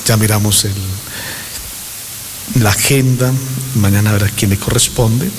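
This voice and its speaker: Man, priest, lowish voice, closing Mass, long cathedral echo, background noise. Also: fairly even intonation, a little slow. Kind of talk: church announcements and closing blessing at Mass.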